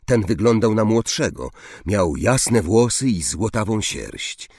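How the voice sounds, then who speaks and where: A man reading a fantasy novel aloud as an audiobook narrator, slow and expressive. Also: on the low side, slightly rough, dry recording, clean studio sound.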